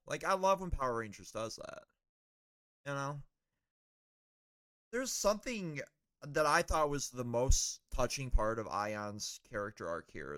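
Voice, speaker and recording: A man's voice: mid-range voice, fairly bright tone, no room sound, clean studio sound. A man co-hosting a fan podcast in casual chat, rambling with lots of fillers. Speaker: podcast co-host.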